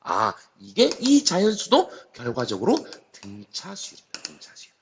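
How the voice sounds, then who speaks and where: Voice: mid-range voice, huge pitch swings, normal speed, slight background noise. A cram-school math teacher giving a recorded lecture. The teacher explains step by step, keeps starting phrases with "so", and asks questions aloud and then answers them.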